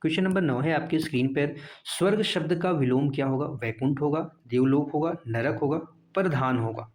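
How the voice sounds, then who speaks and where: A man's voice: on the high side, a little fast, a little mellow. A male teacher going through exam practice questions one by one, asking and answering his own questions and repeating each answer. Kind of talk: exam prep lesson.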